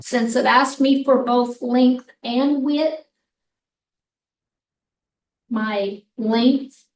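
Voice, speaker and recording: A woman math instructor with a hoarse voice, explaining a problem slowly step by step in a recorded lecture. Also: on the high side, fairly even intonation. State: hoarse, clearing throat. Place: classroom. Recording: echoey room, mic far off.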